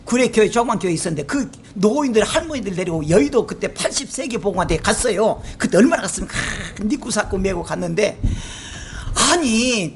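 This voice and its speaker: High, lively Jeolla-accented preacher man. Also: slight background noise. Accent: Jeolla Korean. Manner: emotional preaching with rhetorical questions, swinging from shouts to soft asides. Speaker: pastor. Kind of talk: sermon. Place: church sanctuary.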